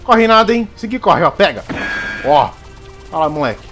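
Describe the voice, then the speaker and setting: A young man giving joking, excitable commentary while playing a game, shouting at the action. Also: fairly high pitch, brisk. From Brazil. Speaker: gaming YouTuber. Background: game music.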